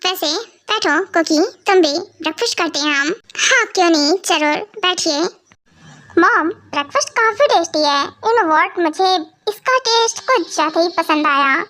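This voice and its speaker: A woman's voice: very high-pitched, animated, normal speed, bright, forceful tone, heavily acted. A woman voicing a brash, cocky young gangster husband in a fan-dubbed audio story, talking in a teasing, smug way.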